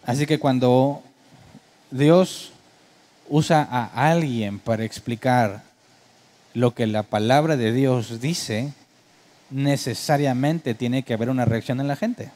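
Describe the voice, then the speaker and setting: Slowly and with a slightly mellow, medium-pitched voice, a man preaches. The pastor talks conversationally, often asking rhetorical questions of the congregation, and mimics worship keyboard sounds to amuse them.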